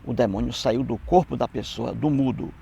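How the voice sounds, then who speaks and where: A man's voice: mid-range voice, normal speed, creaky, warm tone, husky. A Brazilian man giving scornful, mocking commentary on Bible passages, repeating phrases for emphasis. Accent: Brazilian Portuguese. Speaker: atheist commentator.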